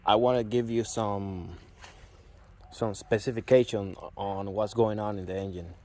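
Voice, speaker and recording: Outdoors beside his pickup, a young native Spanish speaker from Puerto Rico gives a casual, halting tour of it in a Puerto Rican Spanish accent, often pausing to find words and beginning again. His voice is lowish and a little mellow, with fairly even intonation.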